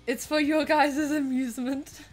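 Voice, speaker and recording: A woman's voice: high voice, fairly even intonation, measured pace, soft background music. A woman chatting casually with her livestream viewers in a giggly, informal way, with some casual swearing.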